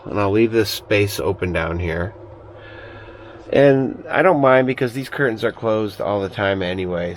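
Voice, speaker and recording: Male vlogger, low register, casual rambling delivery, recorded inside a small RV trailer with slight background noise. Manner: rambling, thinking aloud. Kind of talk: casual vlog chat, narrating chores.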